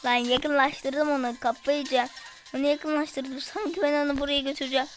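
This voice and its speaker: A woman giving casual, excitable commentary on her gameplay and talking to her viewers. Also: high-pitched, fairly quick, low-quality recording. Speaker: gaming streamer. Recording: music playing in the background.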